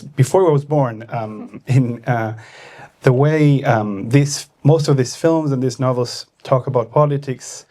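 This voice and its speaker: A man from Argentina in his thirties talks about his book at a launch event. He speaks thoughtfully and hesitantly, pausing often and filling gaps with ums, at a voice pitched in the middle for a man. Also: a little mellow. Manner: hesitant, thoughtful, many fillers. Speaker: author.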